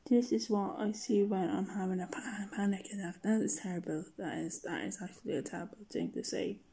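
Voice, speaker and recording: A woman talking casually to the camera as a video creator, mostly in a hushed whisper. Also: mid-range voice, fairly even intonation, brisk, slightly rough, rough recording.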